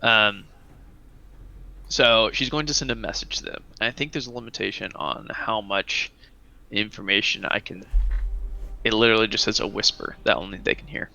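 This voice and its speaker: Bright-voiced giggly male gamer. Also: lowish voice, normal speed, vocal fry, long pauses, muffled recording. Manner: giggly, lots of fillers. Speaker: tabletop game player. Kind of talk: casual tabletop game chat.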